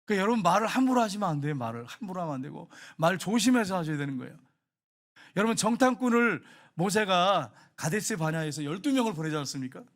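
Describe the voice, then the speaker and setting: A man preaching a sermon as pastor, emphatic, repeating phrases and swinging from loud appeals to quiet asides. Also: high-pitched, animated, fast talker. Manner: emphatic, repeats phrases, rises and drops sharply.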